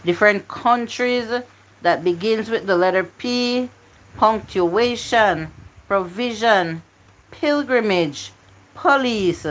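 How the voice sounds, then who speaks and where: This is a woman running a word game on her live stream. She talks slowly, with a mid-range voice, and coaxes and pleads with her viewers to type in their answers. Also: mid-range voice, poor audio.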